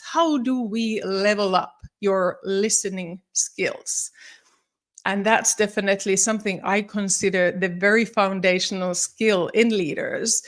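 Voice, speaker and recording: Speaking live on a stream, a Finnish woman in her forties who is a psychologist and leadership coach uses a mid-range, somewhat bright voice. She comes across as friendly, phrases things slightly formally, and often says um or starts over.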